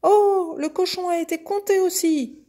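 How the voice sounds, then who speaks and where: A woman's voice: normal speed, dark tone. A woman voicing a small, easily upset young male calf in a storybook reading. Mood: whiny. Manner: high, whiny exclamations.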